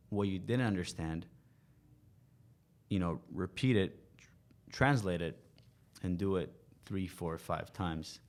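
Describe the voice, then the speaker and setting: A deep, slightly mellow-voiced man in his twenties works as a language coach. In a casual podcast interview, he explains his advice, peppering it with lots of "you know."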